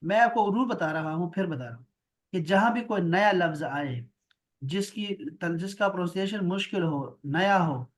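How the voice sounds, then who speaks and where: A man teaching an online Arabic class over a video call, patient and repeating words for drill. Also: high voice. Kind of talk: online grammar lesson.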